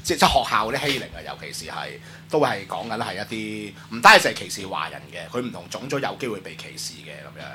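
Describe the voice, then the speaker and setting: A man's voice: on the low side, sing-song, fast, hardly any pauses, crowd noise. A man with a Hong Kong Cantonese accent in casual banter, teasing and often repeating his phrases.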